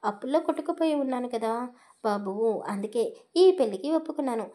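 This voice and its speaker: A woman's voice: on the high side, lively intonation, a little fast, warm tone, close to an everyday voice. A woman voicing a frightened, debt-ridden older man who stammers and begs for his life. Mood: fearful pleading. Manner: pleading, stammering, trembling. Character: frightened indebted older father of the bride.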